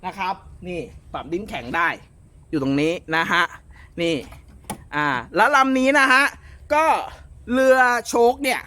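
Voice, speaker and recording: Chatty high-voiced man selling jet skis. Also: sing-song, a little slow, sharp tone. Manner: chatty, polite, with frequent fillers and self-corrections. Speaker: jet ski shop salesman. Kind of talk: casual sales walkthrough.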